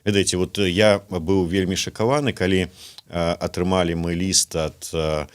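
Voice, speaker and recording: A man's voice: sits low, fairly even intonation, normal speed. A man asking interview questions hesitantly, with many filler sounds between his words.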